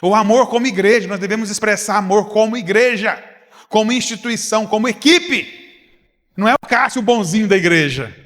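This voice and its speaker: A man's voice: high-pitched, brisk, fairly bright tone, big-room sound. A man preaching a conversational sermon with a Goiás Brazilian Portuguese accent, acting out little dialogues and asking his listeners rhetorical questions. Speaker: pastor. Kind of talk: sermon at a leaders' retreat. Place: church hall.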